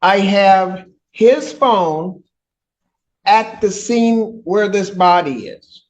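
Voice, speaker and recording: A man serving as judge, speaking deliberately and plainly to counsel, heard through a courtroom recording. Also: sits high, highs cut off, slight background noise. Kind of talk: questioning counsel at a hearing.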